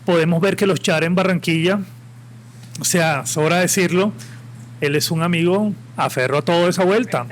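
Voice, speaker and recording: With slight background noise behind him, a high-pitched man speaks at a moderate pace, his accent marking him as from Santa Marta on Colombia's Caribbean coast. He's a live podcast guest in front of an audience, passionate, opinionated and prone to rambling.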